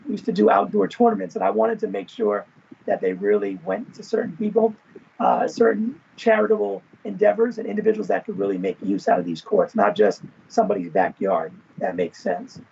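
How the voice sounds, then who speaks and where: Gravelly, husky man on a video call. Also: high-pitched, sing-song, brisk, darkish tone, dull audio, slight background noise. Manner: expansive, uses "right?" and "you know" as tags. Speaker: guest, former event manager and professor. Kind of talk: casual interview talk.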